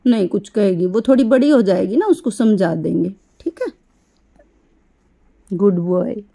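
A middle-aged woman talking baby talk to her pet rabbit, coaxing and doting in a sing-song way with soft laughs. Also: medium pitch, expressive, unhurried, vocal fry, husky. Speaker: pet vlogger caring for rescued animals.

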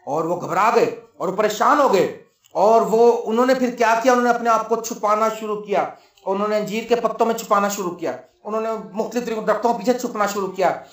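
High-voiced preacher man in an echoey church. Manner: storytelling preacher acting out dialogue. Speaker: pastor. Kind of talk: sermon.

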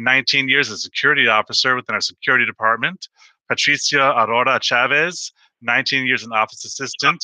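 A middle-aged man speaks through a headset from a small office, his voice very bright and forward. He reads names and job titles in a steady, plain manner, close and dry. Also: mid-range voice, no echo, poor audio. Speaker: school district administrator. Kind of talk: formal ceremony remarks on a video call.

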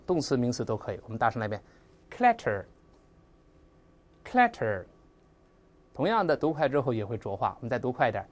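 Lively vocabulary teacher, very expressive pitch, slow drilled pronunciation, lots of sound-effect mimicry. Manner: spells out and slowly repeats English words. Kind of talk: recorded vocabulary lesson.

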